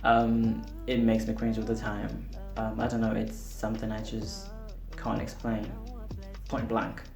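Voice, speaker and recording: Gravelly, candid man with Portuguese as first language. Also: on the low side, monotone, measured pace. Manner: candid, self-deprecating, rambling with fillers. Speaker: singer-songwriter and vlogger. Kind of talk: casual chat to camera. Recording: roomy echo with music behind.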